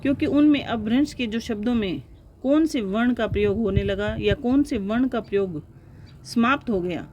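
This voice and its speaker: A woman teaching a lecture to exam students, explaining step by step and often pausing to check with her listeners. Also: a little high, a little hiss or hum.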